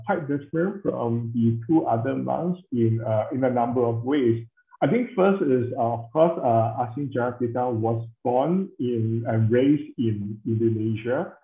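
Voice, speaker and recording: Measured scholar man on a tinny line. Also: mid-range voice, lively intonation, creaky. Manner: measured, hesitant, full of fillers and hedges. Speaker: interviewed scholar. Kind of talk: academic interview answers. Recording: tinny, echoey call audio.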